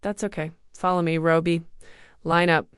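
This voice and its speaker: A woman voicing an excited, eager schoolboy proud of his robot in a storybook reading. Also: fairly low pitch, normal speed, smooth, no echo, studio quality, lightly acted. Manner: eager, upbeat.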